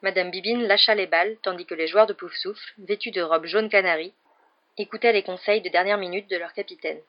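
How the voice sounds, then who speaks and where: A woman reading an audiobook in a steady, measured way, in a dull lo-fi recording. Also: medium pitch. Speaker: audiobook reader. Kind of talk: audiobook narration.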